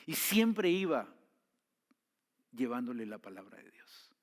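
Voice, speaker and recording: A man preaching a sermon, telling a story with swings from hushed tones to loud pleading. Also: medium pitch, very animated, slow pace. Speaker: pastor.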